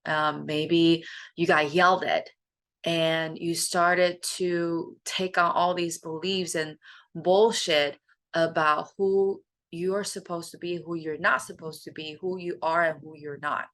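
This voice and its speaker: A woman's voice: lowish voice, fairly even intonation, slow, fairly bright tone. A woman hosting a self-help talk, speaking earnestly and emphatically about self-acceptance. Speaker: host, life coach.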